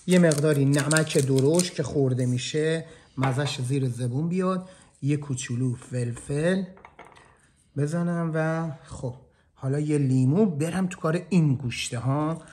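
A man's voice: fairly high pitch, a little hiss or hum. Chatty man cooking on camera. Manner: chatty, joking, talks straight to viewers. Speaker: chef. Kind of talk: casual cooking vlog. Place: indoor kitchen.

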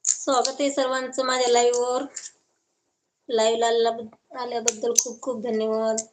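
A woman's voice: on the high side, little pitch movement, moderate pace, background noise. A woman from Maharashtra chatting casually on a live stream, reading viewer comments aloud and answering each viewer affectionately.

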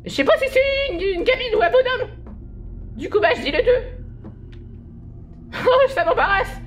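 A woman's voice: extremely high pitch, sing-song, fairly quick, a little hiss or hum. A woman commenting on a horror game as she plays, jumpy and exclamatory, often laughing through nervous reactions. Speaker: gaming video host.

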